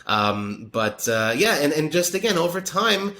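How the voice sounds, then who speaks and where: In a slightly high, sing-song voice, this podcaster takes his time telling a friendly story during a relaxed interview, with a bit of background noise present. He's a poker media guest who comes across warm and admiring, though his telling wanders with frequent fillers and false starts.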